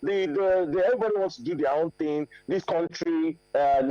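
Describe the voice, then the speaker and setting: A man's voice: on the high side, normal speed, mellow, no room sound, muffled recording. A man answering questions as a guest on a TV news interview, emphatic, repeating key points with many fillers. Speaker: forum organizer guest.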